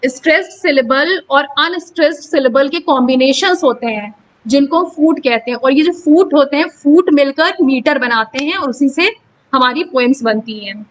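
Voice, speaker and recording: A woman teacher giving a lesson on English pronunciation, slowly spelling out syllables and stressing words. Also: sits high, poor audio.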